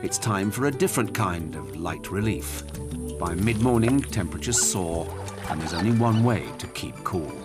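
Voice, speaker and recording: A man narrates a wildlife documentary in a lowish, nicely animated voice that rises and falls as he explains. His delivery is measured and scripted, spoken close to a studio mic. Music plays clearly beneath him. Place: voice-over studio. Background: music under the narration.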